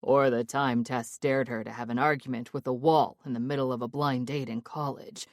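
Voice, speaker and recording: A woman voicing a loud, chattering middle-aged mother who rambles excitedly through stories in an audiobook. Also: rumbling low, moderate pace, no echo, clean studio sound, voice pushed down. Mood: gushing.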